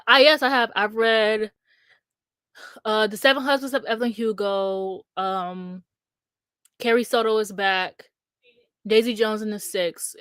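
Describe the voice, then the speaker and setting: A woman's voice: mid-range voice, a bit bright. A young woman in her twenties talks casually and rambles, starting over again and again with plenty of filler words. Her tone is candid and blunt. The sound is dry and close, with little room echo. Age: 20s. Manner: rambling, many restarts and fillers. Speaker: streamer host. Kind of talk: casual chat about books.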